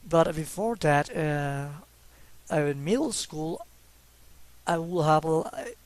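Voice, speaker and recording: Talking slowly in an animated voice on the high side, a young Mexican man chats about his drawings, which he does as a hobby. He speaks English with a Mexican Spanish accent, hesitating casually with lots of fillers and restarts, and laughs a little out of self-consciousness.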